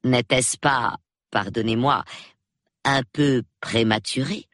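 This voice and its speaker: A woman voicing a shrewd, gentle elderly spinster who speaks softly and measuredly, in an audiobook. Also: extremely low pitch, fairly even intonation, no room sound, studio quality. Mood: mild. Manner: soft, measured, murmuring.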